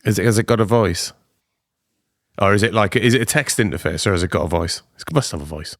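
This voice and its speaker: A man co-hosts a business podcast in a low voice with a dry, close sound. He asks questions inquisitively, restating and rephrasing them as he thinks. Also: expressive, brisk, no echo. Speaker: podcast co-host. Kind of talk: podcast interview.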